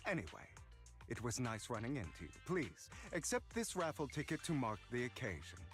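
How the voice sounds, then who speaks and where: A man voicing a polite, soft-spoken stranger in a video game, speaking in a measured, hushed way. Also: mid-range voice, sing-song, pitched below the performer's own voice, lightly acted. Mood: courteous, gentle. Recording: music under the voice.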